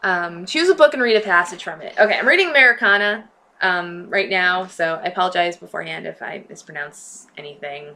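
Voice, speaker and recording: A woman's voice: on the low side, expressive, brisk, sharp tone. A woman with a Northeastern American accent leaning slightly New York and New Jersey, chatting casually and playfully through a list of questions. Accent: US Northeast, slight New York-New Jersey tilt. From United States. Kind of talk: casual question-and-answer reading prompts aloud.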